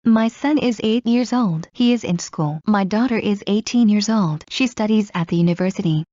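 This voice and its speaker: Woman reading slow English drills. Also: mid-range voice, warm tone, no echo. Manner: slow, clear drill delivery. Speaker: English practice reader. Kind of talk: scripted dialogue reading. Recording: muffled lo-fi recording.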